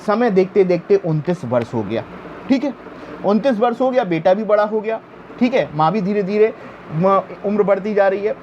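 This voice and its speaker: A man's voice: high voice, lively intonation, normal speed, a little mellow. A male teacher giving an exam-prep history lecture. He keeps asking the class questions, answers them himself, and often tells listeners to pay attention. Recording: dull lo-fi sound with faint background noise.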